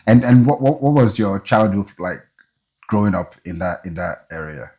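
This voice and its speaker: Deep-voiced podcast host. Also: male voice, animated, normal speed, dark tone. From Nigeria. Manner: earnest, encouraging, with many short "okay" replies. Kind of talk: podcast interview.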